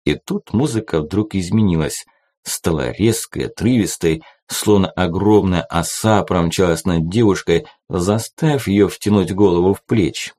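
A man's voice: sits low, unhurried, warm tone. A man reading an audiobook as narrator, telling the story expressively. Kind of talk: scripted narration.

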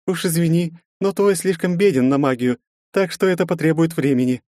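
A man's voice: fairly high pitch, a little mellow, dry recording, clean studio sound, voice pushed up, lightly acted. A man doing an eager calling sorceress. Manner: calling out, hurried. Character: impatient female sorceress, eager and breathless.

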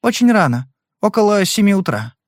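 A fierce, protective wife who refuses to back down, voiced by a man reading a detective novel. Her voice sits fairly high and swings widely in pitch as she pushes back. The sound is close and dry. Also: big pitch swings, a little fast, dry recording. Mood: defiant. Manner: insistent, protective. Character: defensive, fierce middle-aged wife.

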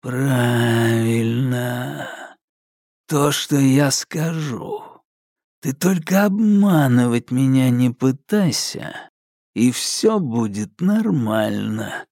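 An unstable, menacing killer, as a narrator puts him on drawls in a low voice, stretching his words out very slowly. His temper is erratic and threatening. The read is dry and close. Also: lively intonation, darkish tone, dry recording, full character voice. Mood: slow menace. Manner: low, drawn-out, sluggish voice.

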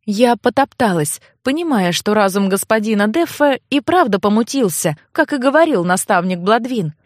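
A woman narrating a first-person novel aloud as an audiobook, in a measured storytelling voice. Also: mid-range voice, animated, no room sound, studio quality.

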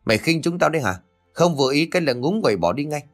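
A man's voice: animated, brisk, a bit bright, soft background music. A man voicing a harsh, sneering old mother-in-law in a spoken ghost story. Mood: scolding. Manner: shrill, sneering, scolding.

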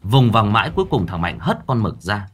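A man narrating a story in a dramatic, animated way. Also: on the low side, a little fast, breathy edge, soft background music. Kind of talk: scripted storytelling.

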